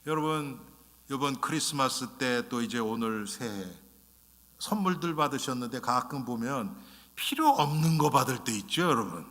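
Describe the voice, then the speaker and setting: A man's voice: medium pitch, a bit bright. A male pastor preaching a sermon in a conversational way, often turning to the congregation and acting out short quoted lines. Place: church sanctuary. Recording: long reverb of a church sanctuary.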